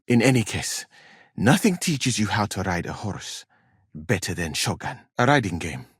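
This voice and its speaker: An actor playing a courteous, dryly witty medieval scholar and physician from Mali in a video game, speaking in formal, measured, precise words. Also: male voice, fairly low pitch, sing-song, fairly bright tone, slightly rough, no echo, clean studio sound, exaggerated voice. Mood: explanatory. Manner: formal, measured, precise wording without contractions. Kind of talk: video game character dialogue.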